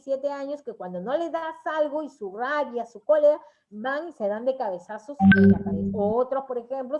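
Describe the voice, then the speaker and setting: Woman lecturer for a parents' workshop; high, warm voice, chatty delivery with acted-out examples, muffled lo-fi recording. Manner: conversational, acts out examples in quoted voices. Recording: dull lo-fi recording.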